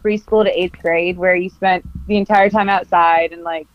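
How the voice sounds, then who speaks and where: A woman's voice: on the low side, fairly even intonation, moderate pace, dull audio. A woman in her twenties from California, a film photographer chatting in a casual interview, laughing often and filling with likes and ums. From Costa Mesa, California. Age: 20s. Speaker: podcast guest, film photographer.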